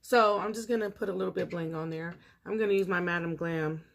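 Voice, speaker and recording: A woman's voice: on the low side, brisk, gravelly, a little hiss or hum. Woman chatting casually during nail art. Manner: relaxed, chatty, talks while working. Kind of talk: casual tutorial chat.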